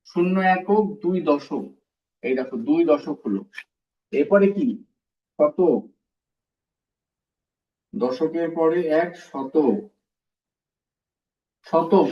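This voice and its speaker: A man teaching a recorded primary school math lesson in a classroom, with a fairly high voice. He works through each step slowly, repeats the terms and keeps putting questions to the pupils. He sounds distant from the mic, in an echoey room, with a dull, muffled tone. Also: mellow.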